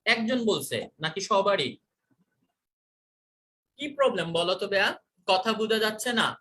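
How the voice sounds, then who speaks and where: A teacher leads an online chemistry class and quizzes the students by repeating each question. The voice is bright and clear. The pitch rises and falls freely. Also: expressive, moderate pace.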